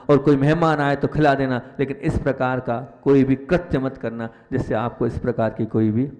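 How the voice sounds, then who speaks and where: A man preaching in a mid-range voice, weaving stories into his sermon. He repeats phrases and lifts his voice to stress a point, and a long reverb trails his words in the hall. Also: darkish tone. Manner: rises in pitch and volume for emphasis, repeats phrases. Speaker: Jain monk. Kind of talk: sermon with storytelling.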